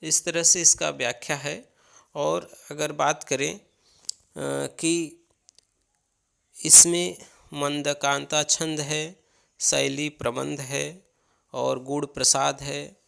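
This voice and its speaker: A man teaches a poetry lesson at an unhurried pace. His voice has a gravelly edge and a bright, forceful tone. He reads each verse aloud and then explains it line by line. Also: a little high, little pitch movement. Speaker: Hindi literature teacher.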